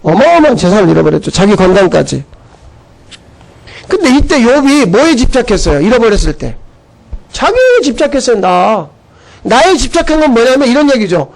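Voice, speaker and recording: A man's voice: extremely high pitch, sing-song, a little fast, vocal fry, rough recording. A man pastor preaching a sermon, emphatic and full of rhetorical questions, telling stories to make his point.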